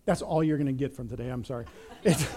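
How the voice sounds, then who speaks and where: A middle-aged man preaching a sermon as pastor, telling stories in an animated way and often repeating words. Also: medium pitch, quick pace. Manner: animated storytelling, repeats words, acts out quotes.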